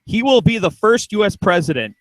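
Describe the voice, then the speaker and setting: A man's voice: high voice, sing-song, brisk, no room sound, poor audio. A man hosting a talk radio show in casual chat, joking around and restarting his sentences a lot. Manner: joking, lots of restarts and stammers.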